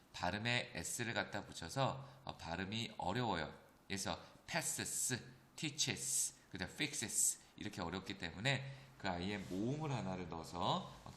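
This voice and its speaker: A man with a low voice and a bright, forceful tone teaches a grammar class. He explains each point patiently and keeps checking that his students follow along. A faint hum sits behind the recording. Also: echoey room. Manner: slows down to read English examples aloud.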